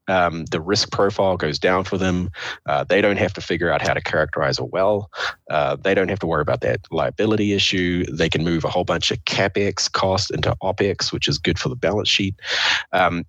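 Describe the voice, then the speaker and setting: Male, very low froggy croak, hoarse with a cold, crisp dry recording, explanatory interview talk. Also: fairly quick, a bit bright, dry recording, highs cut off. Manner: explains step by step, posing questions to himself. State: hoarse with a cold, clearing throat. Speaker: interview guest, official of a state energy authority.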